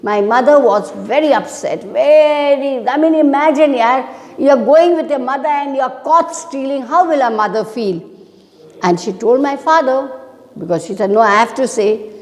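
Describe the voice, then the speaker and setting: A woman's voice: high voice, normal speed, long reverb tail. Woman teaching an online class. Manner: explanatory, asks pupils questions, mixes reading with explanation.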